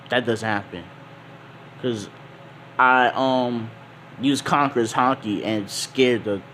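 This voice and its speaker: A young man tells a made-up adventure in a laid-back, slangy, rambling way. He takes his time with plenty of ums, at an ordinary pitch. A faint hum sits behind him. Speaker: storyteller. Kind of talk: casual fan-fiction storytelling.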